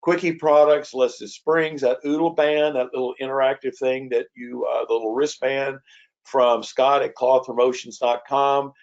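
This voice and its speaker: A man wraps up his webinar in a quick, rambling flow, tripping over his words and restarting often. His voice sits at an everyday middle pitch. The sound is dull and lo-fi. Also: level tone. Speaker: webinar host. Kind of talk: casual webinar wrap-up.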